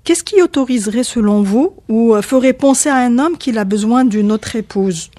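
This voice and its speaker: A woman's voice: a little high, moderate pace, dark tone. A woman interviewing on the radio, asking probing and challenging questions.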